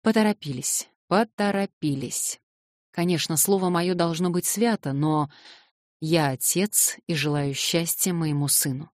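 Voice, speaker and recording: A cold, haughty older prince lectures with smooth condescension, as a woman narrator puts him on. His voice is pitched low for her and recorded close and dry, in the manner of a storybook reading. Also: unhurried, a little mellow, no room sound, lightly acted. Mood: measured, cold. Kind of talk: audiobook reading.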